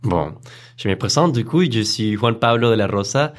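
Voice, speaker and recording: A young man from Colombia with a Colombian Spanish accent, a guest in a casual podcast interview, relaxed and often laughing between hesitant fillers. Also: fairly low pitch, moderate pace. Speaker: guest, effects artist.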